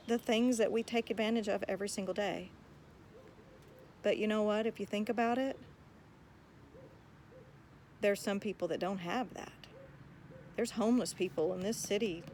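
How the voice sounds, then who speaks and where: A woman's voice: mid-range voice, darkish tone, slight background noise. A woman giving earnest, exhorting advice on how to pray, often repeating words as she gathers her thoughts. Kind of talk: earnest spoken encouragement on prayer.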